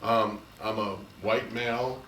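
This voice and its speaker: A man's voice: on the low side, fairly even intonation, slow, a bit bright, slight background noise. A man in his thirties with a cold, telling a long, profane story in casual chat. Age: 30s. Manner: rambling, profane storytelling with laughs. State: has a cold. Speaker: co-host. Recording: echoey room, mic at a distance.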